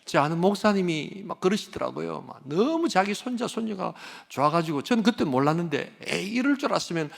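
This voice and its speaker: Older male pastor, high gravelly voice, tells stories animatedly in a sermon, hushes to a whisper for emphasis. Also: lively intonation, fairly quick, hardly any pauses.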